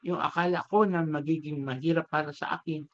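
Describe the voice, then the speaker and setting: Brief: man playing a hurt, questioning bamboo in a spoken parable, higher voice. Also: expressive, unhurried, dull audio. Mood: tearful. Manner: pleading rhetorical questions. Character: bamboo plant, grieving and indignant.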